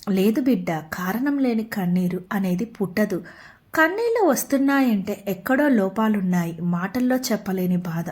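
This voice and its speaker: A woman narrating a devotional message in a slow, tender, consoling way. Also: on the high side, darkish tone.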